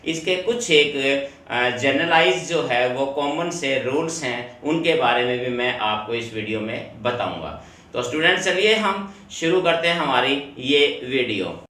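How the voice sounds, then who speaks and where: Male teacher, bright voice, recorded off-mic in a very echoey room. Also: medium pitch, recorded from a distance, slight background noise. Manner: explains step by step, repeats rules, addresses students directly. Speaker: English teacher. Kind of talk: classroom video lesson.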